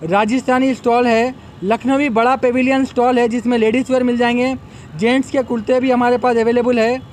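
A man's voice: extremely high pitch, level tone, a little fast, darkish tone, slight background noise. A young man, an event organizer giving a promotional press statement into a bank of microphones at an outdoor expo, repeatedly urging customers to come. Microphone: bank of press microphones on a table.

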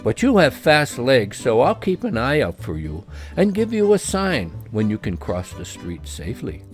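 A man voicing a lively young female traveler with a lame leg, exclaiming and teasing. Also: medium pitch, normal speed, soft background music. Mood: chatty. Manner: exclaiming, teasing, uses Spanish words.

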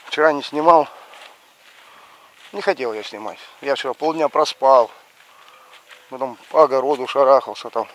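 A man in his forties chats in a casual, rambling way, with a slushy lisp on s and sh. His voice sits at an average pitch for a man. He is outdoors with a handheld camera, with faint rural noise behind him. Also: moderate pace, pauses often, fairly bright tone. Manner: slushy lisp on s and sh sounds after a pulled lower tooth. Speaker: village life vlogger. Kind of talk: casual rambling vlog chat. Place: outdoors in a village yard and garden. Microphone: action camera held at arm's length.

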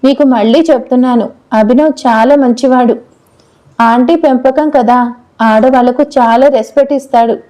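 A woman's voice: sits high, fairly even intonation, normal speed, mellow, close to an everyday voice, poor audio. A woman voicing a troubled, defensive young woman, pregnant and divorced, in a storybook love tale. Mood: irritated. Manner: sad, then irritated.

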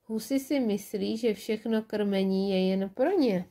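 A woman voicing a calm, sensible little girl who gently explains things, reading a children's storybook. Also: mid-range voice, close to an everyday voice. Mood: explaining.

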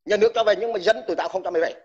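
Fiery, abusive veteran on a dull recording. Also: male voice, high-pitched, very fast, a little mellow, husky. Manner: combative, insulting, addresses the listener with crude terms; stammers and repeats words when heated. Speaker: army veteran speaking out online. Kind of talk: angry livestream rant.

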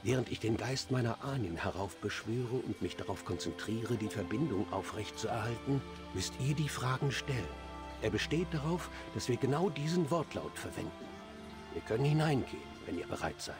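A man playing an anxious, devout dark-elf priest in a fantasy game, speaking formally and earnestly. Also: mid-range voice, lively intonation, normal speed, over music, close to an everyday voice. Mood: earnest, cautious. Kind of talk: fantasy game dialogue acting.

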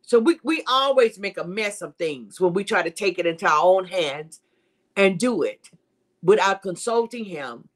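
A woman's voice: mid-range voice, lively intonation, normal speed. A woman hosting a live-streamed devotional teaching, preaching in a repetitive, emphatic, conversational way and greeting viewers by name. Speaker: host and Bible teacher.

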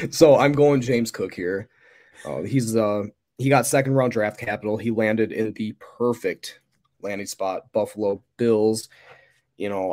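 A man on a podcast panel explaining his fantasy pick in a measured way, with hedges and fillers. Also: fairly low pitch, darkish tone. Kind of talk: casual fantasy football chat.

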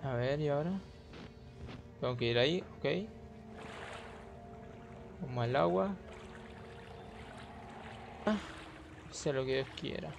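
A young man with an Argentine Spanish accent giving excitable horror let's play commentary, swearing freely and letting out jumpy yelps. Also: mid-range voice, slow pace, vocal fry, pauses often, music in the background. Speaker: gamer.

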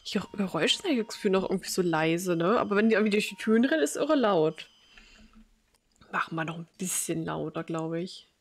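A woman's voice: fairly low pitch, lively intonation, a little fast, slightly rough. Chatty woman streamer muttering over a game. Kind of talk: casual game commentary.

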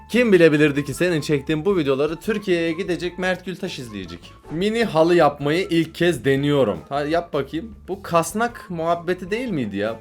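A young man narrates his reactions in a bright, high voice that swings widely in pitch. He exclaims and laughs a lot in casual slang. Soft background music plays under his desk-mic recording. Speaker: reaction video host. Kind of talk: excited casual reaction commentary.

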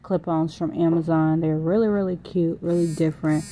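Young woman vlogging, little pitch movement. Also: steady tone, moderate pace, dark tone. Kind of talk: casual product review and try-on. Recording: noisy home phone recording.

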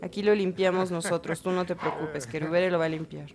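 A woman's voice: lowish voice, brisk, a crowd in the background. Chatty woman narrating gameplay. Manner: chatty, talks to her game characters, bursts of excited exclamations. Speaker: gaming channel host. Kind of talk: casual let's-play commentary.

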